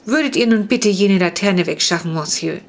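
A woman's voice: mid-range voice, moderate pace, close to an everyday voice. A woman reading a storybook, voicing a polite half-vampire boy of noble blood who speaks in formal, courtly, old-fashioned phrases. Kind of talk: audiobook reading.

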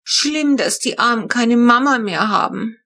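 A woman voicing a stubborn, tender-hearted little girl in a storybook reading, shrill and wailing. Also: lively intonation, a little slow, sharp tone, heavily acted. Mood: pleading.

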